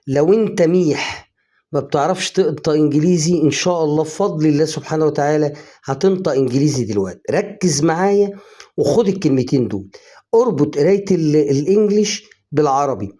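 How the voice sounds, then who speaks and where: A man's voice: a little high, dark tone. A man with an Egyptian Arabic accent teaching English phonics in an online lesson, coaxing, often prompting the viewer and drawing out the example words. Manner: drawn-out, slowed example words.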